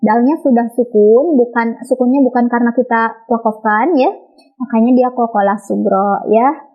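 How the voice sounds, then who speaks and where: A woman with an Indonesian accent teaching children Quranic recitation rules, patiently repeating and modeling each sound slowly. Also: fairly high pitch. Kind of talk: online lesson for children. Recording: dull lo-fi recording.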